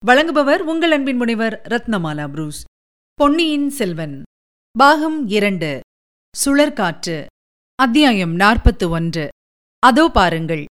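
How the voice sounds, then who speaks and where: A woman radio presenter reading a serialized novel aloud in steady, expressive scripted narration. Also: a little high.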